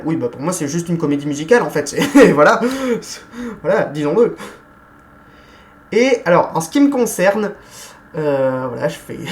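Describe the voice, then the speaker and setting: A woman giving a casual film review, chatty and hesitant, often pausing with fillers and correcting herself. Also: deep voice, darkish tone, slight background noise.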